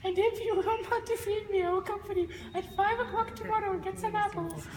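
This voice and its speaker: A man voicing a hungry, blustering storybook wolf who coaxes and threatens in loud, drawn-out falsetto calls. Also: steady tone. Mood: coaxing. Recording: noisy, echoey hall recording.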